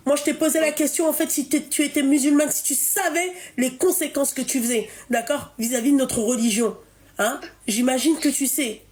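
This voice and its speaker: Une femme qui anime un direct en ligne et sermonne une appelante avec insistance, en se répétant. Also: female voice, sits high, moderate pace, a little mellow. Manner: scolding, emphatic, repeats herself. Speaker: live stream host. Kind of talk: live call-in chat.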